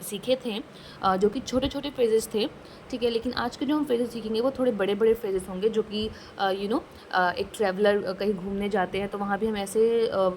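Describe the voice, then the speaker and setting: A woman teaching a casual language lesson, slowly explaining each phrase and repeating it twice, mixing English words into her talk. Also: medium pitch, a little mellow, a little hiss or hum, rough recording. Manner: mixes English words into Hindi.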